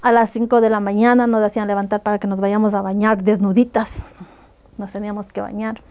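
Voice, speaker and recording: In a fairly quick, flat delivery, an Ecuadorian woman recounts painful personal experiences as a guest in a podcast interview. Her voice is medium-pitched and darkish.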